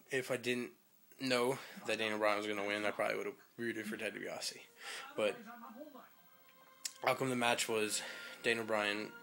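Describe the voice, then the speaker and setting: Young man, low voice, bright timbre, chatty rambling recap with fillers. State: out of breath. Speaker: wrestling fan vlogger. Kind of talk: casual results recap.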